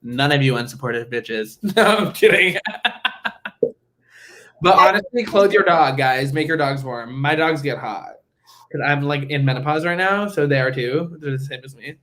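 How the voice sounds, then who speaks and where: A man co-hosting a casual podcast chat, joking and teasing in an animated way. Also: on the high side, normal speed, a little hiss or hum. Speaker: podcast co-host.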